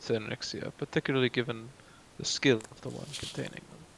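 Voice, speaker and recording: A man's voice: mid-range voice, fairly even intonation, fast talker, vocal fry, slight background noise, rough recording. A man arguing persuasively in character during a tabletop game on a video call. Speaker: player. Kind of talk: in-character tabletop role-play.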